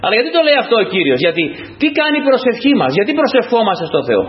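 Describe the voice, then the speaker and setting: A man preaching a sermon to his congregation, dramatic and full of rhetorical questions. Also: very animated. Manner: dramatic, rhetorical questions, swinging from loud high to low quiet. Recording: dull lo-fi recording with faint noise.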